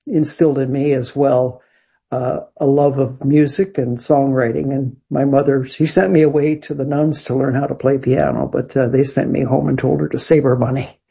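A man's voice: medium pitch, creaky, warm tone, breathy edge, dull audio. An older Canadian man, a guest on a video call, talking in a rambling way with many fillers and restarts. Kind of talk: casual interview chat.

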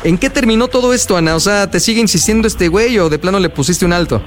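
A man with a Mexican accent hosting a call-in radio show, lively, slangy and affectionate with his callers. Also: high voice, fast, a little hiss or hum.

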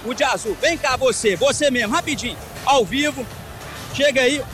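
A man with a Brazilian accent reporting live from a crowded outdoor bar area, hurried and upbeat. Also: very high voice, over music. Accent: Brazilian Portuguese. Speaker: field reporter.

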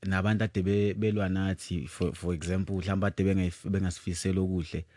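A young man in his twenties, a musician guest answering interview questions in a halting way full of fillers. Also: low-pitched, flat delivery, dark tone, no room sound, studio quality. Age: 20s.

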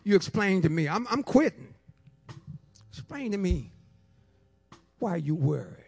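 With faint music behind him, a man in his seventies delivers an impassioned testimony, rhythmically repeating phrases and breaking into shouts and half-sung lines. His high voice swings widely in pitch, creaky with a breathy edge, and he takes his time.

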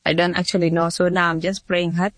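A woman's voice: fairly low pitch, level tone, a little fast, fairly bright tone, no echo. A nineteen-year-old woman from Sudan, answering interview questions plainly and earnestly, often restarting her sentences. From South Sudan. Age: 19, young adult. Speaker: model, interview guest.

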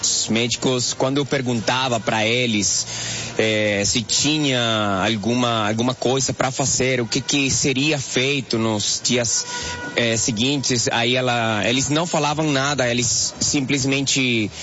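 A man's voice: medium pitch, fairly even intonation, sharp tone. Earnest man giving testimony. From Venezuela. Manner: measured, earnest, deliberate. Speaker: church member giving testimony. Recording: dull radio broadcast with faint music.

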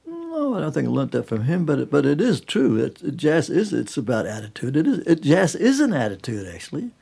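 An older New Zealand jazz musician chats as a studio guest in a casual interview, telling anecdotes in an emphatic, colloquial manner and often breaking off to restart sentences. His fairly high voice swoops wildly in pitch, creaky, dark and slightly rough, at a fairly quick pace.

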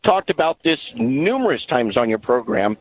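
A man phones a political call-in radio program to argue his view, earnest and insistent. His mid-range voice swings widely in pitch at a normal pace, and the dry recording has the narrow, band-limited quality of a telephone.

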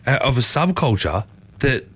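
A man's voice: mid-range voice, big pitch swings, normal speed, a bit bright, slightly rough. A man hosting a casual interview, enthusiastic and chatty, often affirming his guest. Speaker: host.

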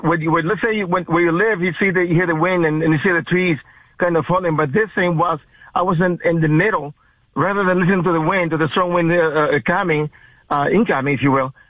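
A man from the Dominican Republic, an umpire, giving a halting, earnest account as a radio phone guest. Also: a little high, steady tone, dry recording. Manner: halting, many restarts, earnest. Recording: tinny phone line.

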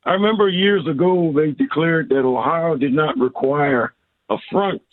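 A male radio caller talking over a phone line that keeps breaking up, speaking in a halting way with many pauses. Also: fairly high pitch, no echo. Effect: phone call line.

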